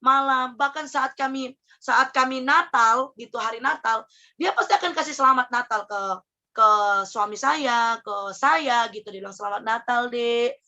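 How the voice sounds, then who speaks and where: A woman's voice: high-pitched, normal speed, sharp tone. Earnest young woman sharing a testimony. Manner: earnest storytelling with many fillers. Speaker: testimony speaker. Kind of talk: personal testimony.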